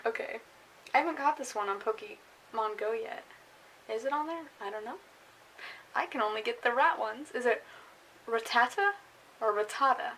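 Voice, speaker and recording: A woman's voice: on the high side, normal speed, pauses often, a bit bright, rough recording. A young woman chatting casually in a baking vlog, giggly, rambling and self-deprecating. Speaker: baking vlogger. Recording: faint hiss behind the voice.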